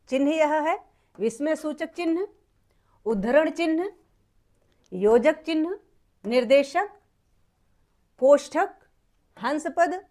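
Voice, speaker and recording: A woman's voice: sits high, a little mellow. A woman teacher giving a classroom lesson to children, explaining step by step and rephrasing each point in simpler words.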